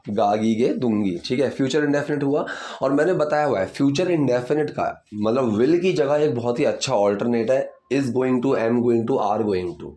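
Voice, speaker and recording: Man, Indian accent, English grammar lesson in Hindi, quizzes himself, slow careful English examples. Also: mid-range voice, a little mellow. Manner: breaks sentences into parts, asks and answers his own questions; reads English examples slowly and deliberately. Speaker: English teacher.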